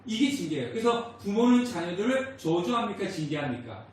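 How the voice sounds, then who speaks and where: A pastor preaching a sermon, asking the congregation questions and answering them himself, with short quoted lines spoken out in a raised voice. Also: male voice, high-pitched, sing-song, brisk. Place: church sanctuary. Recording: very echoey church hall, voice from far off.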